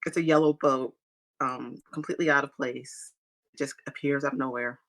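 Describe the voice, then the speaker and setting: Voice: medium pitch, fairly even intonation, moderate pace, a bit bright. A game master narrating a tabletop game, rambling loosely through scenes. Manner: rambling, with fillers and restarts.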